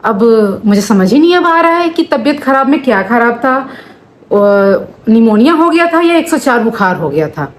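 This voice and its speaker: A woman's voice: a little high, big pitch swings, normal speed. A woman in her thirties, a family vlogger, explaining at length to camera in a casual, aggrieved way with many asides. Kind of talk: casual talking-to-camera vlog.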